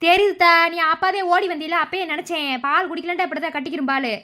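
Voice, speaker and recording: A woman voicing a stern, sharp-tongued village mother-in-law in a cartoon, speaking with a Madurai accent in a scolding, commanding way. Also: very high-pitched, fast, background noise. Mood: explaining. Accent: Madurai Tamil.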